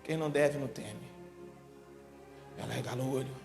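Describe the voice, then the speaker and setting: A man preaching as a church pastor, telling a story in an emphatic, animated way, with a Brazilian Portuguese accent. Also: mid-range voice, normal speed, creaky, long reverb tail, soft background music. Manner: emphatic and animated, builds to shouting. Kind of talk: sermon told as a personal story. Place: church hall.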